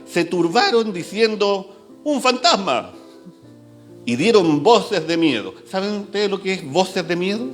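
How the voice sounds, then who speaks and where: A man preaching a sermon in a church. He reads scripture aloud in an animated way and jokes with the congregation. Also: sits high.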